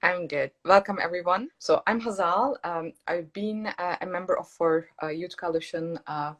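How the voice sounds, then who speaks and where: A woman with a somewhat low voice hosts a live online chat. She puts her questions in a relaxed, friendly, unhurried way. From Turkey. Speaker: host, moderator.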